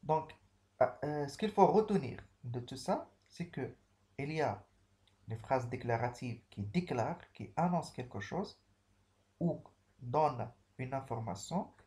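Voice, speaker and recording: A man's voice: mid-range voice, animated, measured pace, long pauses, mellow. A man teaching a grammar lesson to pupils, patiently repeating each key phrase.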